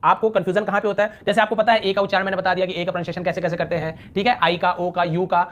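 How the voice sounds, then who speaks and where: Quick-talking male tutor walking viewers through spelling rules, stretching out each example word. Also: high-pitched, flat delivery, fairly bright tone, highs cut off. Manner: repeats example words slowly and stretched; asks the viewer rhetorical checks. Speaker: English pronunciation teacher. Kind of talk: Hindi-language pronunciation lesson.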